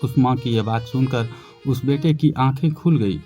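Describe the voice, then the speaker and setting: A man's voice: medium pitch, moderate pace, mellow, soft background music. A man telling a moral story in scripted narration, voicing the mother and son lines himself. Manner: acts out the son's and mother's lines.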